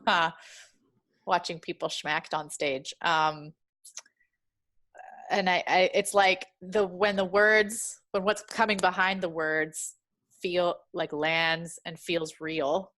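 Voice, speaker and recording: A woman's voice: fairly low pitch, flat delivery, slow, fairly bright tone. A woman who hosts the chat and works as an actor, talking casually and searching for her words, with easy laughter. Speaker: host, actor. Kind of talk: casual conversation.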